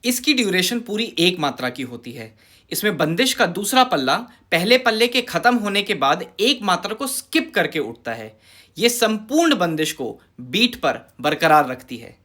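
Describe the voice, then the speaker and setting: A woman's voice: lowish voice, big pitch swings, normal speed, fairly bright tone. A woman teaching kathak, explaining with care and reciting the dance syllables in rhythm.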